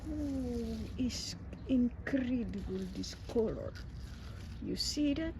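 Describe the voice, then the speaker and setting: A woman's voice: a little high, animated, takes it slowly. A woman who speaks English as a second language, chatting casually and exclaiming in wonder as she shows her garden outdoors. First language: not English. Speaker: gardening vlogger. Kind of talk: casual vlog narration while walking through a garden. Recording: noisy outdoor ambience, birds, traffic.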